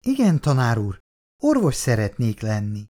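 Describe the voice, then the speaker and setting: A man's voice: mid-range voice, wildly swooping pitch, dark tone. A man reading aloud as a shy young schoolgirl talking to her teacher. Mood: timid. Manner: shy and hesitant. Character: young schoolgirl, timid, hoping to study medicine.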